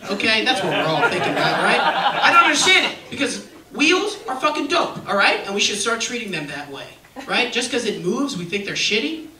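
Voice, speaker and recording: A man doing a stand-up comedy set on a music hall stage, with a brash, punchy delivery and frequent check-ins with the crowd. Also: high-pitched. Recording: echoey venue, distant, loud crowd noise.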